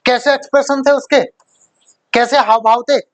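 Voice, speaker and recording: A man's voice: very high-pitched, steady tone, moderate pace, no echo. A male teacher giving a vocabulary lesson, who asks questions and then answers them himself, repeating the key words for emphasis.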